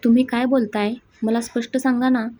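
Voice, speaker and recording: A woman reading the lines of a jealous, spoiled young woman who talks angrily, in a husky voice. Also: fairly high pitch, level tone, fairly quick, close to an everyday voice. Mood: resentful. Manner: angry, shouting.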